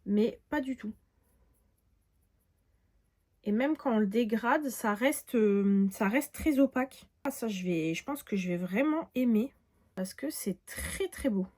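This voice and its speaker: A woman's voice: a little high, lively intonation, a little slow, darkish tone. A woman in her late twenties giving a casual beauty haul vlog, chatty with frequent filler sounds as she shows products. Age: 20s. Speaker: beauty vlogger.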